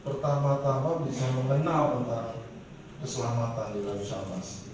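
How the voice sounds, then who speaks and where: A man's voice: medium pitch, steady tone, normal speed, a little mellow. A man interviewing a guest casually, using short prompts and confirmations. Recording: echoey room from far off with faint noise.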